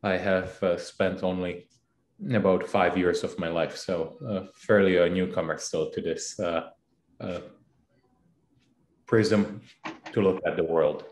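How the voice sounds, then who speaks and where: Man from the Republic, halting, in an echoey room. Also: deep voice, steady tone, a little mellow. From Czech Republic. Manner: halting, many fillers and restarts. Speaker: CEO guest. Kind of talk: casual interview answers.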